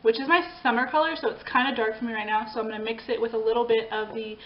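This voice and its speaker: A woman's voice: a little high, fairly even intonation, fast talker. A young woman chatting casually through a makeup tutorial, rambling with frequent ums and restarts. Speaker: beauty vlogger. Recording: slightly dull home recording with faint background hiss.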